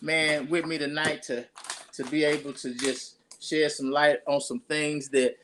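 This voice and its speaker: A man's voice: a little high, flat delivery, a little slow, background noise. A pastor, talking casually and rambling through his introduction of a guest with many restarts.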